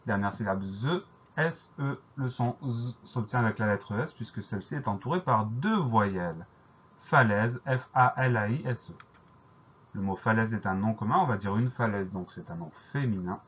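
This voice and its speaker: A man teaching a French spelling dictation lesson, spelling each word out letter by letter in a slow, deliberate way. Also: on the low side, animated, muffled recording, a little hiss or hum.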